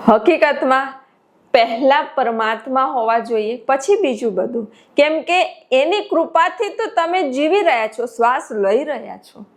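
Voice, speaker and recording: A woman with a high voice gives a devotional sermon slowly and without hurry, expressive throughout. Speaking as a spiritual teacher, she builds her points by repeating phrases for emphasis, with a faint hiss or hum in the recording.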